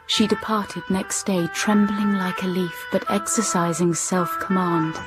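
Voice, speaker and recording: In a literary audio drama with music in the background, an actress plays a reserved, melancholy young gentlewoman who narrates her life in a measured, sombre way. Her natural voice is medium-pitched and steady in tone, and the mood is sombre and reflective.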